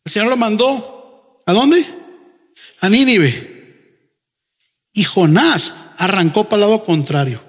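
Man, pastor, fervent sermon, rhetorical questions, shouting, long hall reverb. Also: high-pitched, animated, slow, pauses often.

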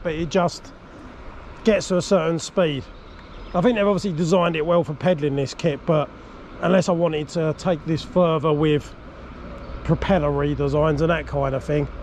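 Riding on a river, an excitable vlogger in his forties laughs and thinks aloud in a slightly high voice, giving excited outdoor commentary. Recorded on an action camera, the audio is loud with rushing water and outdoor noise.

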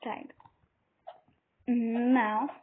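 A woman's voice: a little high, flat delivery, very slow. A woman playing a role-play game and talking through it, hesitant, with many fillers and exclamations. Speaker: game player. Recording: tinny phone-like audio with faint noise.

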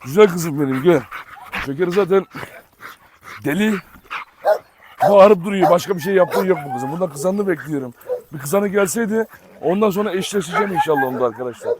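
A man with a high-pitched voice gives a casual, chatty walkthrough of his dog kennels outdoors. He talks straight to his viewers as he moves from pen to pen. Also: fairly quick, long pauses, crowd noise. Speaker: dog breeder vlogger.

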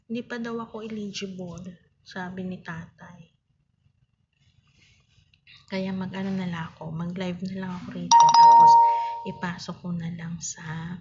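Soft-spoken woman live-streaming, whispering. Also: fairly low pitch, highs cut off, slight background noise. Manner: often drops to a whisper, greets viewers by name. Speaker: live-stream seller hosting a giveaway. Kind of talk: casual live-stream chat. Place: home with other people around. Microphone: phone camera.

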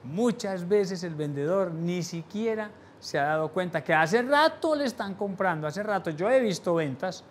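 A fairly high-voiced man giving a sales training lecture to a live audience, lively and expressive. He swings his volume, going quiet for the important points and lifting his voice again to pull the listeners along. Faint room noise sits behind him. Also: moderate pace, hardly any pauses. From Latin America. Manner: animated, shifts volume for emphasis, drops voice low on key points; rhetorical questions to the audience.

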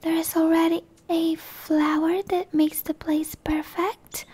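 A woman plays a shy, gentle dryad monster in an ASMR roleplay, speaking in a soft, breathy whisper that's hesitant, stammering and apologetic. Her voice is very high, her delivery flat and slow, and she comes across as flustered and bashful.

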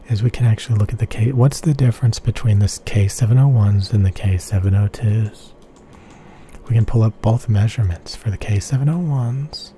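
A headphone reviewer walks through measurements ASMR-style, slowly and softly repeating phrases and often dropping into breathy, unvoiced whispers. He has a low pitch and a very dark tone, with faint noise in the background.

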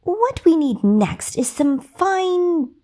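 A woman's voice: extremely high pitch, sing-song, takes it slowly, warm tone, pitched above the performer's own voice, heavily acted. A woman voicing a kindly, cheerful little old fairy godmother in a bedtime story with a sing-song manner.

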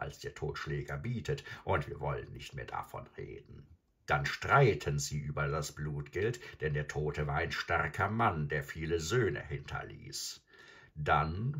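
A man reads as a huge old crocodile from a storybook with a voice that sits very low and sounds husky and grainy. He is boastful and sly and savors every word. His telling moves slowly but rises and falls a lot. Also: a bit bright, heavily acted.

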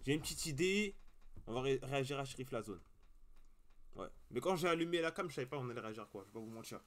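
A man's voice: mid-range voice, lively intonation, fast, fairly bright tone. A young man hosting a reaction video, chatting casually to his viewers in slang and swearing freely into a cheap webcam mic.

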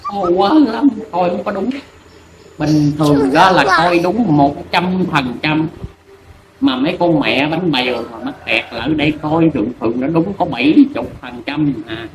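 A man's voice: on the high side, lightly acted. A man playing a crude, bossy old fortune teller, scolding and teasing. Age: older. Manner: scolding, teasing, rapid and bawdy. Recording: echoey room with noise.

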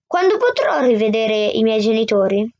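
A woman's voice: fairly high pitch, big pitch swings, moderate pace, darkish tone. Woman voicing an impatient young boy. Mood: pleading. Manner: rising, insistent outbursts. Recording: dull, dry lo-fi sound.

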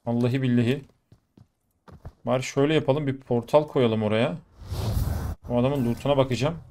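Quick to shout and swear when the fighting heats up, this young YouTuber excitedly narrates his own play in real time. His voice sits in the mid range, and faint in-game gunfire plays underneath.

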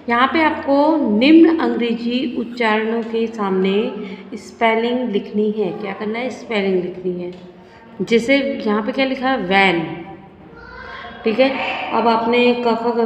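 A woman teacher talks slowly through a primary class lesson, spelling simple words aloud letter by letter and repeating each one. Her voice sits a little high. The recording rings with the long echo of a large, hard room. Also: a little hiss or hum. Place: school setting. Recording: echoey room with long reverb.

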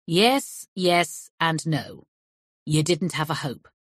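Woman doing a blunt male cop inspector, curt, dismissive, husky, audiobook. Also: low-pitched, animated, slow, no echo, clean studio sound, exaggerated voice.

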